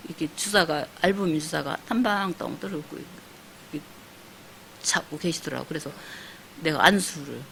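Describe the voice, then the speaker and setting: A woman's voice: low voice, low-quality recording. Earnest older woman telling her testimony. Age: 60s. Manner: earnest storytelling, heavy fillers, acts out voices. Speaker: pastor's wife giving testimony. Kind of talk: emotional church testimony. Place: church service. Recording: faint hiss.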